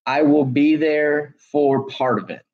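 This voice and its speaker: A man's voice: a little high, fairly even intonation, unhurried. Teasing man co-hosting a home stream. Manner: teasing, jokes dryly. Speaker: co-host. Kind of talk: casual livestream chat. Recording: dull lo-fi livestream audio.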